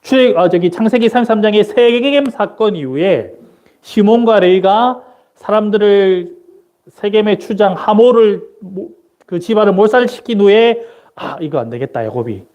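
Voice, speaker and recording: A man's voice: high-pitched, a little slow, a little mellow, muffled recording. A man preaching a Sunday sermon as a missionary at a church service on a microphone. He keeps asking the congregation questions and then answers them himself. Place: church sanctuary during a service.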